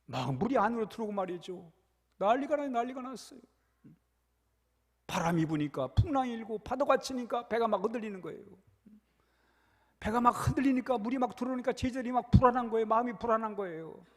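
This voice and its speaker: A male pastor delivers a sermon with animated storytelling, piling up repeated phrases and turning to the congregation with questions. His voice sits high for a man, and it rings through a church sanctuary with a long reverb tail. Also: fast talker. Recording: echoey church hall.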